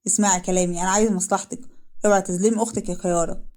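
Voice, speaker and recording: Woman voicing a calm, earnest young officer. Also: medium pitch, rapid-fire, natural voice. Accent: Egyptian Arabic. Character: protective young man, army officer, steady and earnest.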